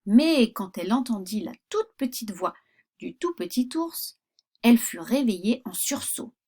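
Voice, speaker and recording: A woman reading a children's fairy tale aloud, expressive with pauses. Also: a little high. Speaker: storyteller.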